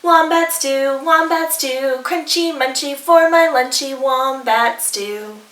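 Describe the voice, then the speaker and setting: A woman's voice: high-pitched, slow, a bit bright. A woman voicing a clever, boastful male dingo from a storybook, gleeful and singsong, cooking up a stew. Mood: merry singsong. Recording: roomy echo, distant mic.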